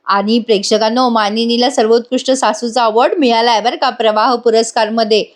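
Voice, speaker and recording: Chatty lady doing a serial episode review, talks straight to viewers, fairly high voice. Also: fairly even intonation, a little fast. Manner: chatty, addresses viewers directly, teasing.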